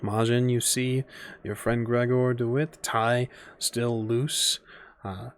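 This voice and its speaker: A man's voice: medium pitch, fairly even intonation, takes it slowly, a little hiss or hum. Rambling man game master. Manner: loose, thinking aloud with many fillers. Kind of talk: narrating a tabletop game.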